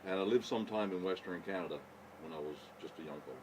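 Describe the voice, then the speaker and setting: Man, 50s, very deep voice, easygoing, distant dull recording. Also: fast talker. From Newfoundland. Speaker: council candidate. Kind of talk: interview answer. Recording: distant, dull, slightly noisy.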